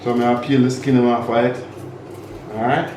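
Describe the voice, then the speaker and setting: A man with a Jamaican accent hosting a relaxed cooking video, talking the viewer through each step and slipping into patois phrases. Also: mid-range voice, normal speed, noisy background. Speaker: home cook and vlog host. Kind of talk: casual cooking demonstration. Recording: echoey kitchen with background music.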